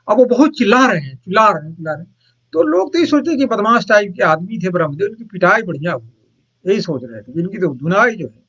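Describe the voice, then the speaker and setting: A man's voice: high-pitched, dull audio. A man, a monk, retelling a spiritual anecdote in a rambling, repetitive way, with many hesitations and checks that his listeners follow.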